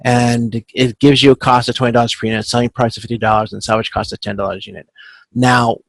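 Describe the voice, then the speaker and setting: A creaky-voiced instructor leads a supply chain class through an informal step-by-step tutorial over video conference, explaining things and checking in with frequent "okay"s. His mid-range voice is level in tone and fast, and the call sounds close and dry with no room sound.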